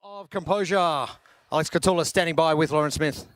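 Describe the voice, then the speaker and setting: A man's voice: a little high, fairly quick, dry recording. A man presenting live sports competition coverage as a broadcast commentator.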